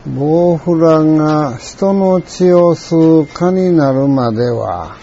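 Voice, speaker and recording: An older man with a Kansai accent telling a rambling, reflective story in a folksy way, often clearing his throat. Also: a little high, takes it slowly, mellow, highs cut off, slight background noise. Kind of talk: reflective monologue.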